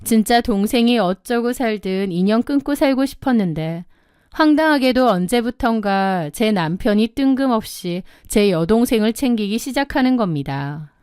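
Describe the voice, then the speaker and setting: A woman in her thirties telling a first-person story in a measured, indignant way. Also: on the high side, animated, a little mellow, clear, resonant tone, dry recording, studio quality. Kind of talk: scripted first-person narration.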